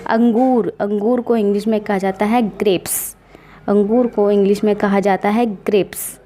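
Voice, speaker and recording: A woman teaching vocabulary slowly and patiently, spelling each word out letter by letter. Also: mid-range voice, dark tone. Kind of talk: slow, patient vocabulary lesson.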